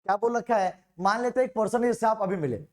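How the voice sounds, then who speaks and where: A man teaching an exam-prep grammar lesson, chatty and informal, reading out example sentences slowly and often correcting himself mid-sentence. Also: sits high. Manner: informal, repeatedly calls students "bhaiya".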